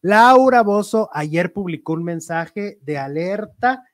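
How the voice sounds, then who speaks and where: Mexican guy gossiping on a live show, kinda high voice, dry mic. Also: takes it slowly, no echo. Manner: chatty, lively, reads viewer messages aloud. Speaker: show host. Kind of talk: casual celebrity gossip chat.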